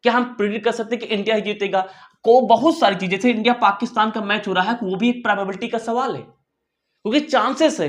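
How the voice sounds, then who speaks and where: A man's voice: high voice, fairly bright tone. A man with an Indian accent teaching maths informally to school students online, repeating phrases, coaxing attention and often checking understanding with questions. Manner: addresses listeners familiarly, coaxing attention.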